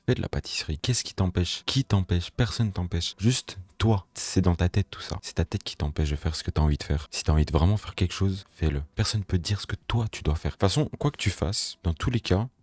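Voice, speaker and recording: A man's voice: low-pitched, animated, a little fast, darkish tone, no echo. A young man giving casual motivational advice straight to the viewer, direct and emphatic, repeating his points. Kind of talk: casual motivational talk to camera. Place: small home recording setup. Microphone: microphone close to the mouth.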